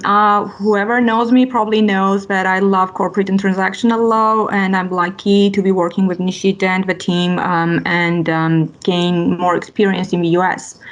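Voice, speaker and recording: Armenian-born woman attorney, halting webinar talk. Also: medium pitch, low-quality recording. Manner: frequent "um" fillers and restarts. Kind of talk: legal presentation.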